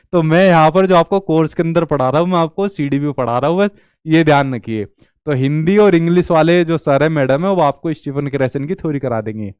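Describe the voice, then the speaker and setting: A man's voice: on the high side, clean tone, no room sound, studio quality. Male teacher quizzing his class. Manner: repeats questions to the class and answers them himself. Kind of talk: online exam-prep lecture.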